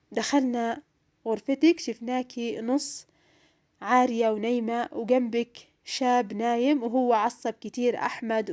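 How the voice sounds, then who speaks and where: A woman's voice: fairly high pitch, warm tone, muffled recording, natural voice. A woman doing a cold, curt young roommate.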